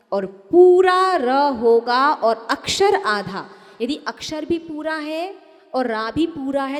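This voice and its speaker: Slow high-voiced woman preaching in a hall. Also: a bit bright. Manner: slow, emphatic, asks the listeners questions and answers them. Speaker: Jain nun giving a discourse. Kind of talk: sermon teaching correct pronunciation. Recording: long hall reverb.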